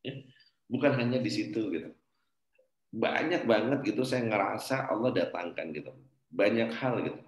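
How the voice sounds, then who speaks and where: A middle-aged man from Indonesia, a business coach telling a personal faith story to his class in an earnest way, swinging between loud and soft. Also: on the low side, moderate pace, long pauses, roomy sound, low-quality recording. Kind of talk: motivational religious talk to a class.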